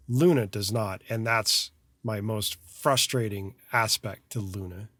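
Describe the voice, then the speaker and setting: A man's voice: fairly low pitch, a bit bright, no echo. A man co-hosting a podcast about mixing, talking casually with dry, sarcastic asides about being fussy with his files. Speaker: podcast co-host, mixing engineer. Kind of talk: casual chat. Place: studio.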